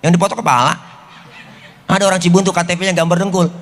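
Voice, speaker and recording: A man's voice: high voice, steady tone, quick pace, fairly bright tone, a little hiss or hum. A man with a Betawi accent giving a comic sermon, jokey and full of street slang. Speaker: preacher. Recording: long hall reverb.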